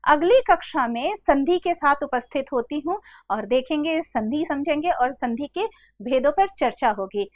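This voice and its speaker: A woman with a high, animated voice teaches a grammar class using slides, explaining patiently, repeating each example slowly and calling her students "beta". The recording is dry and close, with no room sound.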